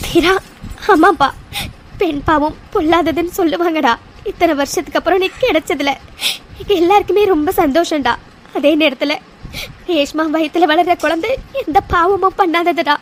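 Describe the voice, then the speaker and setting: A woman's voice: very high-pitched, normal speed, a little hiss or hum. A weepy pleading mother, voiced by a woman. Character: tearful loving mother of a grown son. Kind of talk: cartoon voice acting.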